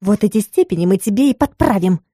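A woman's voice: mid-range voice, lively intonation, fast talker, dark tone, husky, dry recording, studio quality. A woman voicing a short-tempered young witch fortune-teller in an audiobook, giving snappy, growled commands. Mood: irritated.

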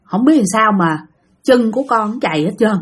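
A woman acting a dazed young woman, soft and bewildered. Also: a little high, animated, moderate pace, slightly rough. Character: dazed young woman, sore and confused after fainting.

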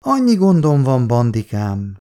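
A woman's voice: a bass voice, big pitch swings, creaky, mellow, full character voice. A man doing a fretful middle-aged mother. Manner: fretful, sighing. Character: worried middle-aged working-class mother. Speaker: mother of grown children.

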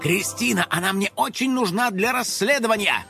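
A man voicing a boastful, excitable male house-spirit detective with pompous, theatrical exclamations in a children's storybook. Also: sits high, normal speed, creaky, soft background music, pitched above the performer's own voice, full character voice.

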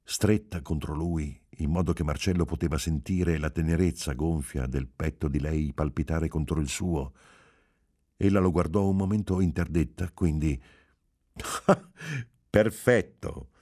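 A man reading a novel aloud in measured, unhurried literary audiobook narration. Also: rumbling low, steady tone, mellow, breathy edge. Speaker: audiobook reader.

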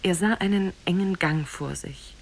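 Lady narrator, kinda low voice, calm and grave, old radio play. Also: gravelly. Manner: calm, measured storytelling, grave in tone. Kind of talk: 1950s radio drama narration.

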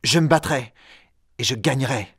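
A man's voice: mid-range voice, moderate pace, a bit bright, slightly rough. A man voicing a brave young knight in a storybook, speaking in a firm, declaring way. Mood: resolute. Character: young brave male knight, earnest and bold.

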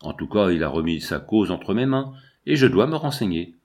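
A man reading an audiobook, voicing a burly, brutish male blackmailer who mocks and menaces in a slow, sneering way. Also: low-pitched, sing-song, a little mellow.

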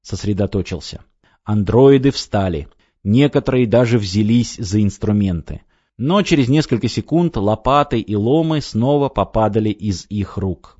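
A man narrating an audiobook with a steady, expressive reading. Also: lowish voice, normal speed, slightly rough, dry recording, highs cut off. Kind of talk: scripted narration.

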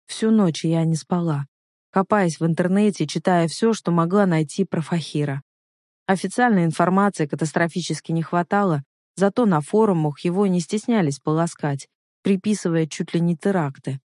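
A woman narrating an audiobook in the first person, telling the story in an expressive way. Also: on the low side, normal speed, no room sound, studio quality.

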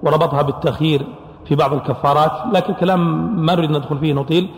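A man's voice: fairly high pitch, steady tone, rapid-fire. A man teaching as a scholar of Quran sciences in a classroom lecture, explaining points and posing questions he then answers himself. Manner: explanatory, asks and answers his own questions. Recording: echoey hall recording.

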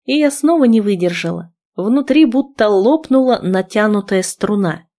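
Female audiobook narrator, measured and expressive, first-person reading. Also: mid-range voice.

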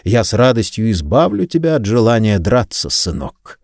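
A man voicing a gruff, aggressive male detective chief inspector who barks orders. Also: fairly low pitch, lively intonation, normal speed, dark tone, dry recording, studio quality. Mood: threatening. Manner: barking orders.

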